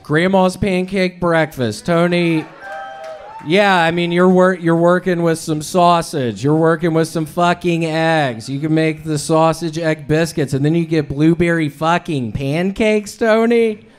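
A man doing absurd, rambling stand-up banter on a club stage, talking in a slow, dim, drawn-out way that breaks into abrupt shouts. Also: a little high, fairly even intonation. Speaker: comedian guest.

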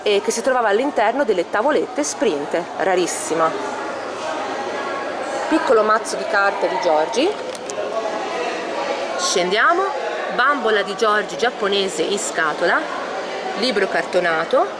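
Woman giving a casual tour of her collector's stand, with loud hall noise. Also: medium pitch, animated, a little slow, pauses often. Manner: walking the camera through display cases, listing items with small hesitations. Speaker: collector showing her exhibit. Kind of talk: casual guided tour narration. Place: indoor convention hall stand. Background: loud convention crowd ambience.

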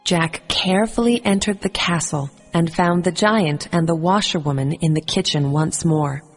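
Woman narrator for a kids' story, husky low voice, calm and measured. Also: long reverb tail. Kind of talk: scripted narration of a children's fairy tale.

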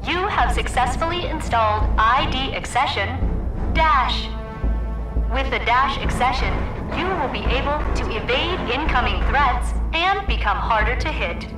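A woman voicing a gentle, patient female computer helper that guides a trainee in a video game, with a soft synthetic voice. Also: high voice, animated, measured pace, pauses often. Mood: gentle guiding. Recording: echoey, distant, with game music.

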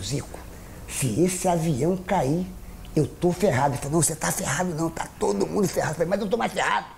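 A man's voice: on the high side, vocal fry, a little hiss or hum. A middle-aged man, a guest on a TV talk show, telling comic anecdotes and acting out the scenes. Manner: animated storyteller who acts out scenes.

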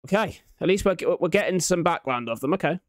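Quick and lively, a young man with a fairly high voice reacts to content in slangy, profane language. He sits close to a large desk microphone in a small home room, and there's no echo.

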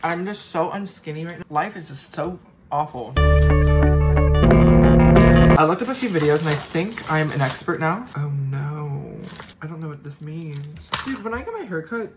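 A man's voice: a little high, animated, normal speed. A young man vlogging casually, dramatic and self-mocking, with frequent swearing. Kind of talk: casual vlog chat. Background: loud guitar music.

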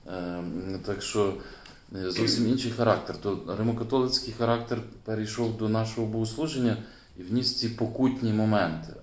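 Low-voiced priest preaching in an echoey room. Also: male voice, a little hiss or hum. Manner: hesitant, many fillers and restarts, chuckles now and then. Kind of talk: sermon with casual explanation.

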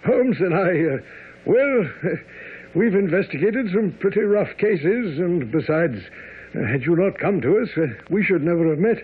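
An actor playing an earnest, proper gentleman doctor, a detective's loyal friend, in a radio mystery drama. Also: sits high, animated, measured pace, breathy edge, full character voice. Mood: bashful. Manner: hesitant, proper. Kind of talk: old-time radio drama acting and narration. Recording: tinny, noisy radio broadcast.

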